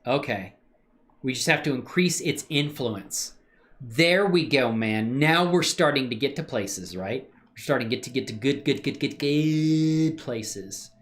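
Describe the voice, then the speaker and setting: In an unhurried way, a man with animated pitch mutters his thoughts aloud as he does 3D modeling on a livestream. His talk is relaxed and slangy, heavy on fillers, and he answers chat along the way.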